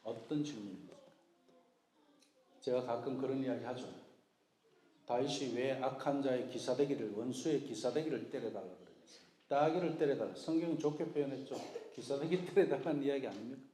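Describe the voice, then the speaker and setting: A man's voice: mid-range voice, a little fast, mellow. A male pastor preaching a sermon in a conversational way, acting out prayers and God's replies in his own voice. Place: church sanctuary. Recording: echoey church hall.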